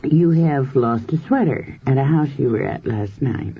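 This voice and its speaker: A woman researcher giving a measured, explanatory lecture to a group, walking through everyday examples with the odd filler. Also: extremely low pitch, lively intonation, a little hiss or hum. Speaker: hypnosis and past-life researcher lecturing. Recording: dull lo-fi 1970s tape recording.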